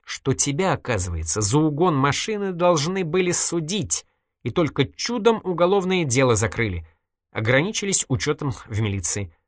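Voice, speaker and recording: A reader voicing a sharp-tongued, stubborn young woman in an audiobook, reproachful and needling, with a dry close sound. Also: deep voice, very animated, normal speed, no room sound, voice pushed up. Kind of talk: audiobook character voice.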